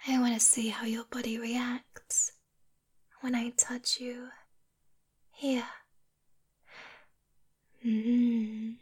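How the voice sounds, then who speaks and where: Slow breathy succubus whisper by a woman, teasing and possessive, close mic. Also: a little high, flat delivery, exaggerated voice. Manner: soft whispering, hushing. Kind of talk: whispered ASMR roleplay.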